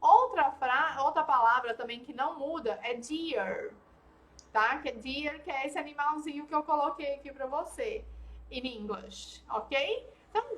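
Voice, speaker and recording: A woman's voice: high-pitched, expressive, measured pace, fairly bright tone. A woman teaching an online English lesson, patiently repeating words and checking in with her students.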